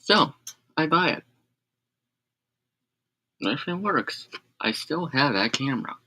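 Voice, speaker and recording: A man's voice: fairly high pitch, animated, slow pace, bright, forceful tone. A man rambling on a casual live stream, correcting himself and adding sarcastic asides.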